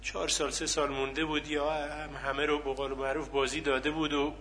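A man's voice: fairly high pitch, level tone, a bit bright, a little hiss or hum. A man, a university colleague, telling an anecdote from campus. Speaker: university colleague, guest speaker.

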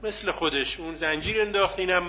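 A man's voice: sits high, sharp tone. A man, a university colleague, telling an anecdote from campus. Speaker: university colleague, guest speaker.

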